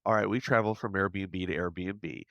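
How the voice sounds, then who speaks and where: A male podcast host asking questions in a casual, halting way and restarting his sentences. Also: deep voice, steady tone, a bit bright, dry recording, dull audio. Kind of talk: casual interview chat.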